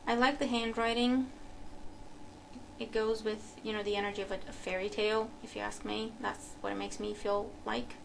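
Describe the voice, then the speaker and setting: At medium pitch and a moderate pace, this Romanian woman's gravelly voice stays flat as she thinks aloud, fillers and restarts included, while unboxing a tarot deck at her home table. The rough recording has slight background noise.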